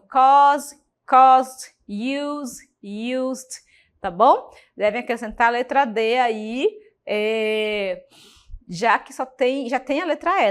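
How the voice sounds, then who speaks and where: A woman with a Brazilian Portuguese accent gives a recorded class lesson, speaking in a slightly high voice. She explains patiently and keeps checking that her students follow along. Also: fairly bright tone. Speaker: English teacher.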